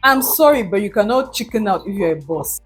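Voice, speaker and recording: A woman's voice: medium pitch, lively intonation, brisk, breathy edge, faint music behind. A woman in her thirties, a business owner speaking straight to her viewers with emphatic advice and frequent laughter. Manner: direct and emphatic, addresses viewers, laughs often. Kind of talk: motivational talk to camera.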